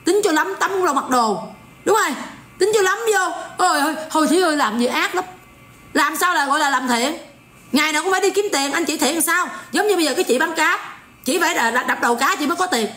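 A woman's voice: high-pitched, lively intonation, quick pace, sharp tone, roomy sound. Sarcastic Southern Vietnamese woman ranting. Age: 40s. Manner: sarcastic, mocking, scolding. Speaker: online commentator. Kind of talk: ranting livestream commentary.

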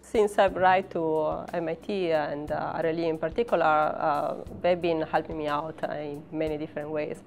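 A woman in her thirties from Italy, a professor and research scientist, speaks hesitantly about her work in an interview with an Italian accent. Her voice is low and darkish.

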